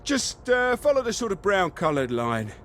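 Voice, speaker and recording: High-pitched British lab official, animated, flustered, evasive, falsely breezy, video game. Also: male voice, moderate pace, a little hiss or hum. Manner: hesitant, wordy, falsely breezy. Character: flustered, evasive, officious male laboratory gatekeeper. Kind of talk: video game character dialogue.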